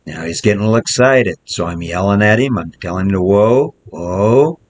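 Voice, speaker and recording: A man's voice: low-pitched, fast talker. Man, horse trainer, plainspoken, repeats short phrases, outdoors in snow, wind behind. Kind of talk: instructional commentary while working a horse.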